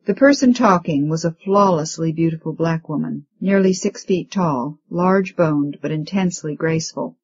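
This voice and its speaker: A woman reading an audiobook in a steady, measured narration. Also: low voice, slightly rough, lo-fi sound.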